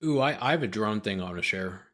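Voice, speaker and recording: Fast-talking and animated, the host speaks in a lowish voice with a fairly bright tone. A lawyer by trade, he's reading a document aloud on his legal commentary show and breaking away for wry, improvised jabs.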